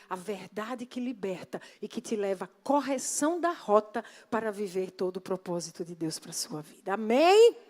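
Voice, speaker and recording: A woman pastor delivers a sermon in a church. Her voice sits high and clear, and she presses her points with emphatic rhetorical questions put to the congregation.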